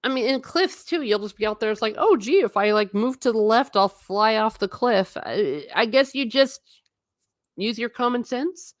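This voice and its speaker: A middle-aged woman speaks at normal speed in an expressive, higher-leaning voice, with studio-quality sound and no room noise. Her stream is loose, rambling chatter about travel pictures, full of jokes at her own expense.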